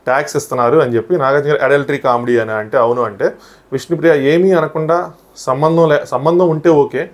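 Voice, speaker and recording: A man talks quickly at a mid-range pitch, running through a reality show episode as a reviewer. He keeps retelling scenes and slipping into short quotes of what others said. The delivery is casual and brisk. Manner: animated retelling of events, often quoting others.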